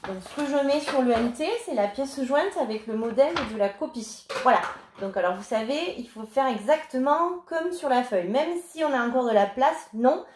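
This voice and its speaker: A woman teaching young children remotely, dictating words slowly and patiently. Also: high voice, lively intonation, darkish tone, a little hiss or hum. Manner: slow, clear, patient dictation. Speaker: primary school teacher. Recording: echoey room.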